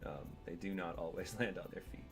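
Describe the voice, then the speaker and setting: A man's voice: low-pitched, a little fast, soft background music. Chatty man streaming a game at home. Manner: chatty and digressive, talks to his cat while playing. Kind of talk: casual gameplay stream commentary.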